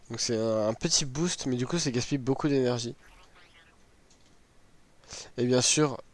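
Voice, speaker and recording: A man with a hoarse, worn-out, sick-sounding voice, giving a casual, hesitant walkthrough as a gaming video host. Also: mid-range voice. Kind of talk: casual game item walkthrough.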